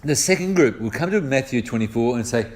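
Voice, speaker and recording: A man's voice: medium pitch, animated, brisk, darkish tone. Older Australian man preaching conversationally. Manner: conversational, explains step by step with personal anecdotes. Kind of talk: sermon teaching on scripture.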